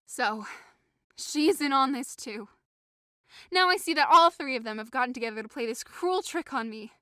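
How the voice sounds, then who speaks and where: In a modern-English Shakespeare audio drama, a woman plays a hurt, indignant young woman convinced she's being mocked, sounding wounded and pleading yet accusing and sarcastic. Her high voice is sharp, clear and resonant, with lively intonation at normal speed. The studio sound is clean with no room sound.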